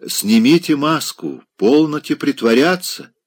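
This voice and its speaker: Man doing a scheming provincial lady, middle-aged, wheedling, insinuating, higher pitch, slow. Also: creaky. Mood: teasing.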